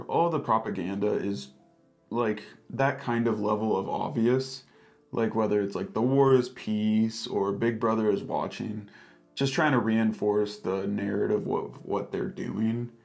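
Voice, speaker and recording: A man's voice: on the low side, measured pace, vocal fry, a little mellow, faint music behind. A man co-hosting a casual book discussion, sounding exasperated and opinionated, peppering his talk with "like". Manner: exasperated, frequent filler "like".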